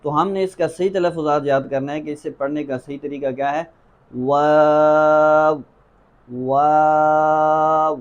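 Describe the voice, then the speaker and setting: A man teaching tajweed, working through the alphabet one sound at a time. He repeats each letter patiently and stretches some into a half-sung tone. His voice sits a little high for a man. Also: fairly even intonation, darkish tone, highs cut off. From Pakistan. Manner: patient, drills letters by repeating them slowly. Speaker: Quran recitation teacher. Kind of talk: tajweed pronunciation lesson.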